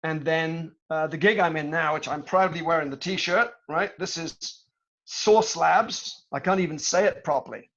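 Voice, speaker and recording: A middle-aged British man giving a storytelling talk to students over a video call, measured and reflective, with frequent hesitations. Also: a little high, steady tone, a bit bright, dull audio. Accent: British English. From Britain. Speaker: guest speaker, tech executive.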